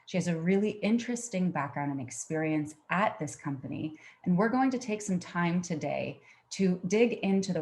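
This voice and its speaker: A woman's voice: on the low side, a little mellow. A woman hosting a podcast and interviewing a guest in a friendly, conversational way. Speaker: podcast host.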